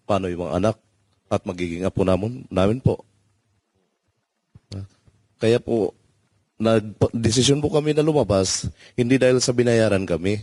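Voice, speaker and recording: A man's voice: lowish voice, normal speed, long pauses, dark tone, no echo. A man, a discharged marine, giving earnest, polite testimony in an interview and often addressing the host as sir.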